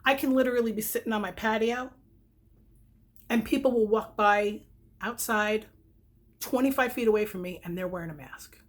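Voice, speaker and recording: Pausing often, a middle-aged woman talks at a moderate pace in a medium-pitched voice while reviewing products. She is a vlogger and direct-sales consultant living in New York, United States, and her casual talk is rambling, self-correcting, and candid, with whistling, slightly spitty sibilants.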